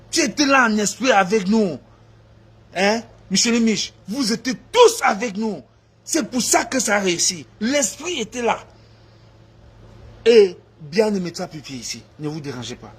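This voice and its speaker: A man, talking to his supporters in a casual live video, animated and laughing, slipping into Pidgin English. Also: very high-pitched, slightly rough. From Cameroon. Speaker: activist addressing supporters.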